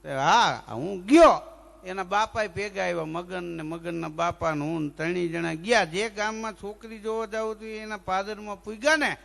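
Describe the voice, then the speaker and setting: A male folk comedian spins comic village tales and slips into lisping character voices. His voice sits high and has a gravelly edge. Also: normal speed. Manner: lively joke-telling with sung bits and acted lisping voices. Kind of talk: dayro comic storytelling.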